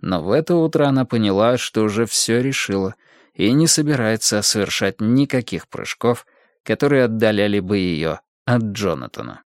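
Male audiobook narrator, measured, close dry mic. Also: lowish voice, expressive, no echo. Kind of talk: scripted narration.

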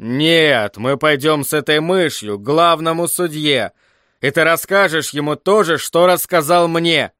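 A man voicing a stern father who serves as a royal butler, speaking slowly and firmly. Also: on the high side, pushed and bright, no echo, clean studio sound. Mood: urgent, firm.

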